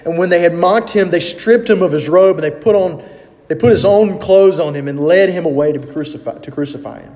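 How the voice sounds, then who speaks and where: A man's voice: sits high, fairly quick, darkish tone, long reverb tail. A man preaching a sermon in a conversational way, asking his listeners questions and reading scripture aloud. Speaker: pastor.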